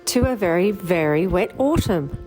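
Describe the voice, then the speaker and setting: An Australian woman with a head cold and a raspy voice, narrating a personal vlog in a chatty way. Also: fairly low pitch, lively intonation, moderate pace, darkish tone, soft background music, rough recording. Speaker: vlogger narrating her life in rural France. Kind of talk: vlog narration and casual chat.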